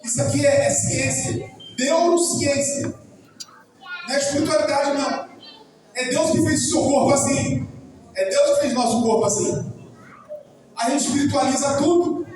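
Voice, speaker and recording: A man's voice: extremely high pitch, a little mellow. A man with a Brazilian Portuguese accent preaching an informal sermon, chatty and repetitive, often speaking straight to the congregation. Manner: chatty, repetitive, keeps addressing the congregation directly. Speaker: pastor. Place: church hall. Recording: echoey hall, distant mic, noisy.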